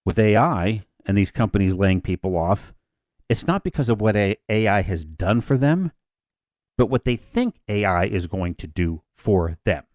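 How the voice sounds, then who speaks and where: A man's voice: on the low side, animated, moderate pace, a little mellow, no room sound, studio quality. A man in his fifties co-hosting a casual discussion podcast, rambling a little and often restarting his sentences. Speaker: podcast co-host.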